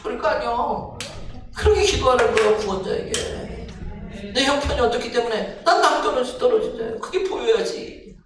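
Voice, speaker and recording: A male pastor preaching a sermon, asking the congregation questions and rising to near-shouts. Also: very high voice, moderate pace. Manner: talks straight to the congregation with questions. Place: church sanctuary. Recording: echoey church hall, distant mic, noisy.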